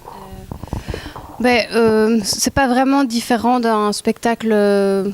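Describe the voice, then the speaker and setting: A woman's voice: on the high side, fairly even intonation, slow pace, darkish tone, a little hiss or hum. A woman singer from Belgium giving casual interview answers, giggly and unsure, with many fillers. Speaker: singer guest.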